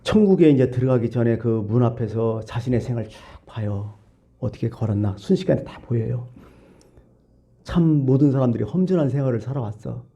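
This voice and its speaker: A man's voice: mid-range voice, expressive, brisk, mellow. A male pastor preaching a sermon, telling a parable and asking rhetorical questions.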